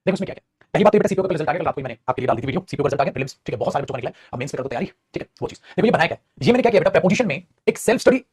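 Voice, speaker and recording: A man's voice: a little high, breathy edge. A middle-aged man with an Indian accent teaching an exam-prep grammar lesson, calling students "beta" and mixing Hindi explanations with English example sentences. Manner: fast, animated, calls students "beta".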